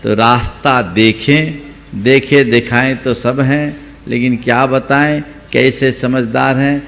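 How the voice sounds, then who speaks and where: A man's voice: medium pitch, steady tone, slow, vocal fry, a bit bright, in a large hall. A man, a Jain monk, giving an emphatic, exhorting sermon that rises sharply for stress.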